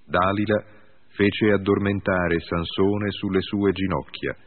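A man reads a Bible passage aloud in a steady, solemn way. His voice is very deep and husky. The recording is narrow and tinny, like sound over a phone line. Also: slow. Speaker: Bible reader. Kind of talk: scripture reading.

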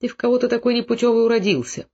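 Brief: man voicing plain-spoken earnest village father, higher voice, muffled audio. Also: fairly even intonation, racing, a little mellow. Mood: scolding. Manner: forthright, earnest. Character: older Cossack father, blunt and remorseful. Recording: dull lo-fi recording.

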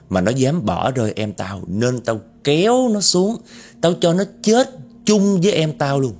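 A man's voice: mid-range voice, a little mellow, slightly rough. A man voicing a vengeful long-haired female ghost who snarls threats.

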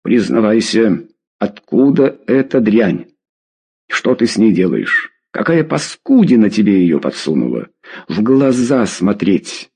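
A man voicing an enraged middle-aged father who hurls pompous threats at his son, with a husky, lively voice. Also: on the low side, unhurried, full character voice. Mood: furious.

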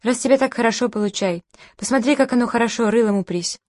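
A woman's voice: fairly high pitch, fast talker, darkish tone, no echo, studio quality, natural voice. A woman reading as a bitter, sardonic party host. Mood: bitter, caustic. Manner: caustic, bitter, challenging.

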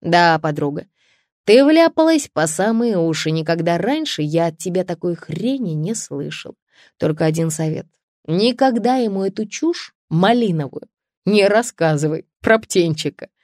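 A woman's voice: lowish voice, expressive, moderate pace, a little mellow, no room sound, clean studio sound, natural voice. A woman voicing a frank, teasing best friend. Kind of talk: audiobook character voice.

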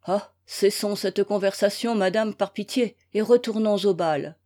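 Woman reading as an anguished young gentleman. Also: mid-range voice, a little slow, natural voice. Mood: curt. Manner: curt, then desperate and self-reproaching. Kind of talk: read-aloud novel, acted dialogue.

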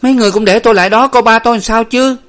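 A man reading a storybook aloud, voicing a bossy, fierce young woman who is the eldest sister, with a sharp, scolding manner. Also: fairly high pitch, quick pace, pitched above the performer's own voice, lightly acted. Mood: frantic.

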